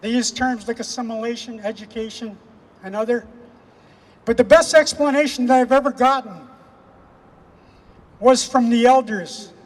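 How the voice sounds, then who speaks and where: A man from Canada delivering an impassioned speech at an outdoor rally, emphatic and repetitive, slowing down to stress key phrases. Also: extremely high pitch, fairly even intonation, long reverb tail. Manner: emphatic, repetitive, with slow weighty pauses. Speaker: rally speaker.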